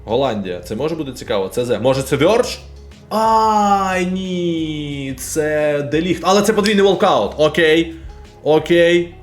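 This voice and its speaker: A man streaming and commenting casually on a game, excitable, bursting into loud exclamations. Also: on the high side, moderate pace, soft background music.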